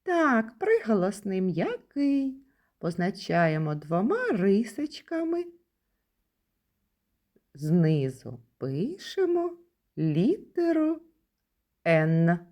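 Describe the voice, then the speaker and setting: A woman from Ukraine leads a lesson for small children, speaking slowly and patiently. Her voice is mellow, and her pitch swings widely as she lifts each word she wants them to catch. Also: big pitch swings. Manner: sing-song, stresses key words with rising pitch. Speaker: kindergarten teacher.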